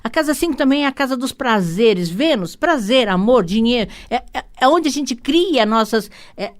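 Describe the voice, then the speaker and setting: A Brazilian woman, a radio show host and holistic psychotherapist, explains astrology on her talk show in rambling, hurried Brazilian Portuguese. She adds warm asides with frequent "né?" tags, restarting often and repeating words. Her voice is a little high and expressive.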